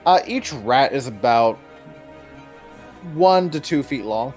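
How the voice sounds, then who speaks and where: A man's voice: medium pitch, animated, takes it slowly, a little mellow, faint music behind. A man running a tabletop game as game master, rambling and correcting himself as he explains the rules. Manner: rambling, self-correcting, chuckles often.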